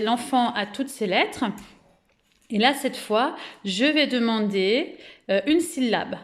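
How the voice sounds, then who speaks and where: A woman kindergarten teacher giving a recorded reading lesson for parents and children, patient and encouraging, stretching and exaggerating each sound as she says it. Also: a little high. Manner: slow, exaggerated articulation of sounds.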